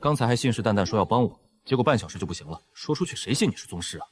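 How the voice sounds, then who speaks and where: A cheeky young nobleman in a story drama, acted by a man, talking fast with big swings in pitch. He is wry, teasing and fond of his money. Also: animated, close to an everyday voice. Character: cheeky, money-minded young nobleman, a married-in son-in-law.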